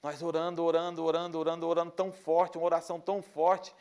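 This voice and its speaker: A man's voice: a little high, level tone, fast, darkish tone, clear, resonant tone. A man with a Brazilian accent telling an earnest religious testimony, often repeating phrases and restarting his sentences. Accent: Brazilian Portuguese. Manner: frequent restarts and stumbles. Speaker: testimony speaker.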